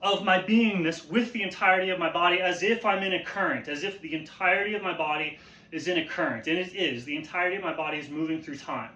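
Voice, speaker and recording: Higher-pitched man teaching in an echoey space. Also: bright, forceful tone. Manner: halting, repeats and rephrases phrases, checks with "right?". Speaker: martial arts instructor. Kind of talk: informal instructional explanation while demonstrating. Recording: roomy, echoey sound.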